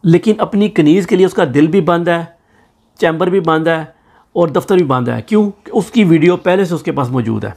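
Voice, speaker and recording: A man's voice: fairly high pitch, moderate pace, vocal fry, a little mellow. A man with a Pakistani Urdu accent giving sarcastic political news commentary, hosting his own channel. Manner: sarcastic, mocking.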